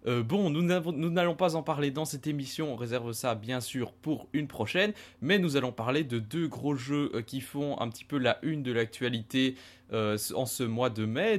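A man hosting a casual retro gaming podcast discussion, talking with many hesitant fillers. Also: medium pitch. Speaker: podcast host.

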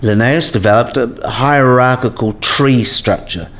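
Playing a scholarly professor in a radio drama, this man lays out science history precisely and didactically, with a measured, instructive mood. He speaks unhurriedly in a natural, medium-pitched voice that's a bit bright.

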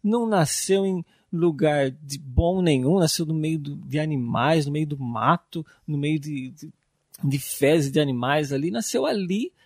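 A Brazilian man with a slightly raised pitch talks through matters of faith in an earnest, reflective way. He draws his words out and leans on fillers. The sound is close and dry. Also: a little slow, a little mellow, dry recording. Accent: Brazilian Portuguese. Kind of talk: casual faith discussion.

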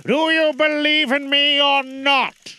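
A man voicing Marley's ghost, a dead business partner speaking slowly and solemnly in an audiobook. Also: very high voice, steady tone, pushed and bright, no room sound, voice pushed up, exaggerated voice. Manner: slow, drawn-out, solemn.

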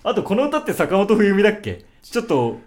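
A man's voice: high voice, wildly swooping pitch, brisk, a little mellow. A man co-hosting a casual podcast, playful and full of jokey asides. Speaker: podcast co-host. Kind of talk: casual chat.

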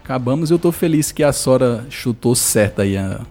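A man's voice: mid-range voice, expressive, moderate pace, dark tone, soft background music. A Brazilian man chatting casually as a guest on a podcast.

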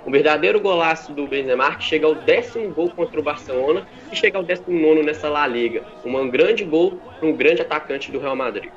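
Higher-voiced Brazilian man recapping football play. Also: brisk, hardly any pauses. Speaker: football commentator and analyst. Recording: dull lo-fi audio with music behind.

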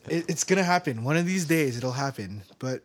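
Animated and fairly quick, this podcast co-host has a slightly high voice. He rambles through a casual chat show, laughing frequently mid-sentence, captured on a cheap, makeshift microphone.

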